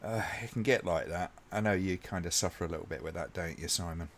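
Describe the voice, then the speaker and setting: A man with a deep, low voice hosts a laid-back watch-along stream. He chats loosely with his viewers, wandering between thoughts and filling pauses with ums and uhs. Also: a little hiss or hum. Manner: relaxed, rambling, many ums, talks to chat by name. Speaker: live stream host. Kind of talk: casual watch-along chat.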